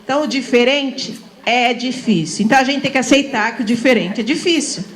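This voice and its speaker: A woman's voice: high-pitched, a little fast. A middle-aged woman from São Paulo giving an informal, chatty lecture to teachers, often laughing and asking the room for agreement. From São Paulo, Brazil.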